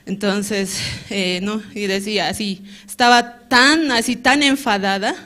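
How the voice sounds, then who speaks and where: A woman from Bolivia tells her story at a church service in a chatty, unpolished way. She keeps adding little tag questions and pauses to hunt for Bible verses aloud. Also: medium pitch, steady tone, bright, forceful tone. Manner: conversational, many filler questions, searches for verses aloud. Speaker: church member giving testimony. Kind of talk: spoken testimony at a church service.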